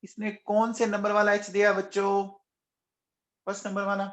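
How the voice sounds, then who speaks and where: High-voiced man teaching chemistry, echoey. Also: completely flat delivery, normal speed. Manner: coaxing, repeatedly quizzing students; raises voice, says he is shouting nonstop. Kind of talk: live online class lecture.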